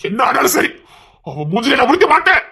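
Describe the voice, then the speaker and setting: A man's voice: very high-pitched, wildly swooping pitch, fairly quick, creaky, pushed and bright, husky, heavily acted. A man with a Tirunelveli accent playing a harsh, hot-tempered young man who gives commands and threats. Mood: stern, angry. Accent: Tirunelveli Tamil. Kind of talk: comedy skit drama.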